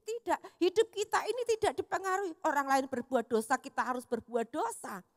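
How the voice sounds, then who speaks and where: A woman pastor giving a sermon in an animated, storytelling way, often calling her listeners "saudaraku" and acting out the voices in her stories. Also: high-pitched, brisk, dry recording, studio quality, in a large hall. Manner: acts out quoted voices in her telling. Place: church hall.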